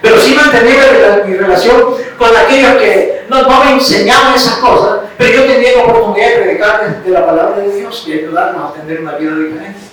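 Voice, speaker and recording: A man's voice: high voice, fairly quick, few pauses, a bit bright. A man with an Ecuadorian accent preaching a sermon, telling a personal story and checking in with his listeners with little questions. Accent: Ecuadorian Spanish. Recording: very echoey room, mic far off, faint hiss.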